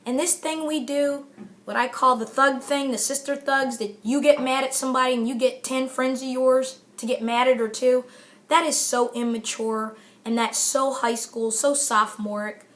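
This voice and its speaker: A woman's voice: sits high, fairly even intonation, moderate pace, fairly bright tone. A middle-aged woman giving an impassioned motivational address to camera, emphatic and repeating phrases for stress. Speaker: author giving a talk to camera.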